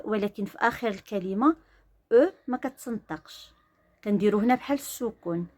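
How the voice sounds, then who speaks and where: Moroccan woman sounding out syllables slowly. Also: mid-range voice, a little mellow. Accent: Moroccan Arabic. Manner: slow, deliberate syllable-by-syllable sounding out; explains in Darija, then drills sounds. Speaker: French teacher. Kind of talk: beginner reading lesson.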